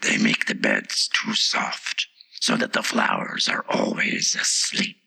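A scolding talking flower from a storybook, imperious and disdainful. The voice is a breathy, hoarse whisper that drags out its words and often sinks low. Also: male voice, sing-song, sharp tone, full character voice. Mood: grumbling. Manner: slow, drawn-out, imperious delivery. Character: haughty, bossy, scolding talking tiger lily.

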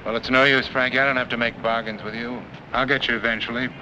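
A man's voice: mid-range voice, flat delivery, natural voice. A man playing a relentless, sardonic, coolly patient police detective in 1940s film noir style. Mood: menacing, sardonic. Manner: cold, sardonic, deliberate. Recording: muffled, noisy old film soundtrack.

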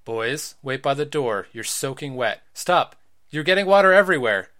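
A man's voice: mid-range voice, unhurried, a bit bright, close to an everyday voice. A man voicing a fretful mother who insistently calls her boys indoors. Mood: scolding. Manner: insistent, scolding. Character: fretful mother calling kids inside.

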